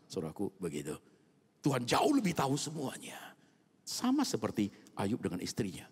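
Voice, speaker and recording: A male pastor preaching a sermon at an evening church prayer service. He talks colloquially, turns often to the congregation, and swings between loud outbursts and hushed near-whispers. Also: medium pitch, creaky, breathy edge. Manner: colloquial, with frequent asides to the congregation.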